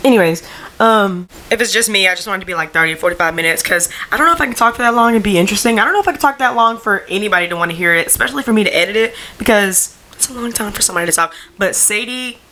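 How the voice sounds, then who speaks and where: This young adult woman speaks rapid-fire in a mid-range voice, bright and forceful. She hosts her own podcast at home in front of a camera, chatting solo in a loose, rambling way, full of "like" and casual slang.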